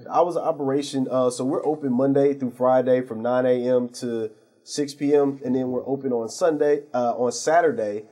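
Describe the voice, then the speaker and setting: A man's voice: mid-range voice, steady tone, moderate pace, warm tone. A man, a pharmacy owner, explaining his services as a guest on a TV interview show, earnest and full of fillers and restarts. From St. Louis area.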